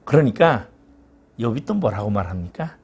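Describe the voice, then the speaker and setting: A man's voice: on the low side, sing-song, moderate pace, darkish tone, breathy edge. A man preaching a sermon as pastor, acting out quoted voices of God and Job. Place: church sanctuary.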